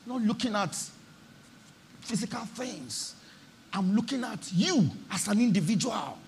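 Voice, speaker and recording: A man's voice: sits high, sharp tone, slight background noise. A man preaching a church sermon, driving his points home with emphatic repetition and calls for the congregation to respond. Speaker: pastor.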